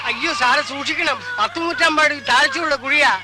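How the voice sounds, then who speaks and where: An actor playing a worried, deferential household helper in 1990s film acting. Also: male voice, very high voice, brisk, heavy background noise. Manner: anxious, deferential. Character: worried male helper, respectful to his employer.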